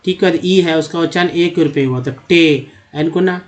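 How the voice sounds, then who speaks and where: A man teaching how to pronounce English letters, repeating each sound slowly and calling the viewers his friends. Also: a little high.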